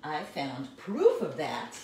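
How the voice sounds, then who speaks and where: On a casual live stream, a middle-aged artist walks through her laundry room chatting about the art in her home, enthusiastic and self-deprecating. Her low, darkish voice swoops wildly in pitch at a slow pace, recorded on a handheld phone camera held at a distance in an echoey room with slight background noise.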